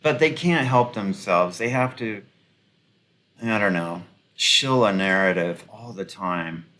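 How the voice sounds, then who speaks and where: A man's voice: on the low side, slow, sharp tone. Rambling man giving sarcastic commentary. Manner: rambling, with many ums and restarts; sarcastic, mocking. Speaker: video commentator. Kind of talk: casual commentary.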